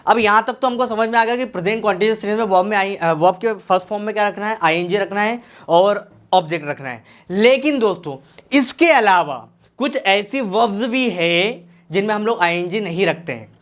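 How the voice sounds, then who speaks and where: A man's voice: high voice, quick pace, fairly bright tone. A man teaching English grammar with an Indian accent. He repeats each practice sentence several times, then asks the class questions and answers them himself.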